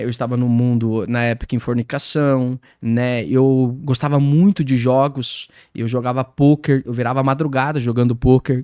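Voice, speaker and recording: A man with a Brazilian accent giving a personal faith testimony, telling his story in a lively way and acting out his own past words. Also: mid-range voice, dry recording, studio quality. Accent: Brazilian Portuguese.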